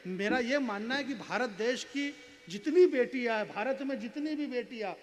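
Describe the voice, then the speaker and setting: A high-pitched man declaims verse to a live audience. His voice drops to a hush, then rises to a ringing call, and he breaks off to talk straight to the crowd. A long reverb hangs on every word. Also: moderate pace. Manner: declamatory, swings from hushed to ringing; addresses the crowd directly, banters. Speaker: stage poet. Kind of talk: kavi sammelan poetry recitation. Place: live stage before an audience.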